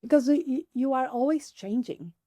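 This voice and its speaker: A woman in her forties, a podcast guest, talking enthusiastically in a conversational interview, her voice climbing higher whenever she gets excited. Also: normal speed, no room sound, studio quality. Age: 40s. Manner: enthusiastic, pitch jumps up when excited; animated, acts out her own inner questions. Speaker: podcast guest, applied philosopher.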